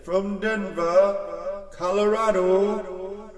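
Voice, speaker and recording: A man's voice: flat delivery, very slow, roomy sound, in a large hall, recorded from a distance, faint music behind. A man voicing a boxing ring announcer who stretches out every word at full volume. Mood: announcing. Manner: stretched-out announcing, loud and high. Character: booming male boxing ring announcer, drawn-out.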